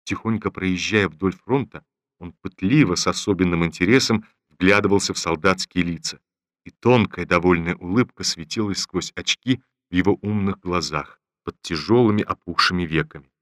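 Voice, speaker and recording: A man reading a classic novel aloud in a measured, even narration. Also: low-pitched, no room sound, clean studio sound. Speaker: audiobook reader. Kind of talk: scripted literary narration.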